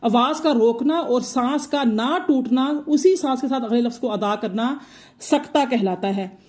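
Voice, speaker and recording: A woman's voice: high voice, a little slow, darkish tone. A woman teacher explaining Quran recitation rules patiently, often repeating her points. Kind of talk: explanatory tajweed lesson.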